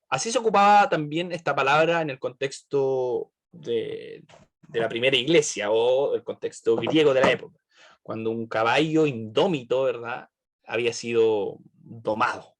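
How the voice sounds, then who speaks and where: A man's voice: mid-range voice, fairly bright tone. A man leading an online Bible study, asking the group questions and checking in with "right?".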